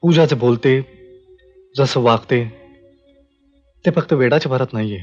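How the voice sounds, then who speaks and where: A man's voice: mid-range voice, unhurried, darkish tone, lo-fi sound, faint music behind, lightly acted. An actor playing a grown son who speaks earnestly to his mother in a film drama.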